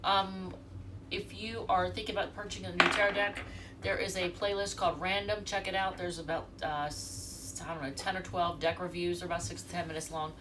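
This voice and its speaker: Her voice is on the low side, steady and fairly quick, captured far from the mic against a noisy background. She's an American tarot reader, stuffed up from allergies, rambling casually and addressing her viewers head-on.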